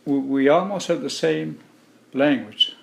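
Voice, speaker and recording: A middle-aged man from Alaska, a native Yupik speaker, answering interview questions in a plain, measured way. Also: on the high side, gravelly, a bit bright. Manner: slow, plain-spoken, measured. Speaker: interview guest. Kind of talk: relaxed conversational interview.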